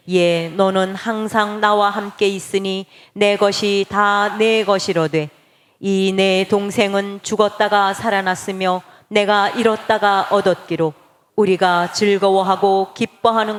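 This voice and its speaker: A woman solemnly reading scripture aloud in a church, in a measured, formal cadence. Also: medium pitch, fairly even intonation, long reverb tail. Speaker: scripture reader. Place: church sanctuary.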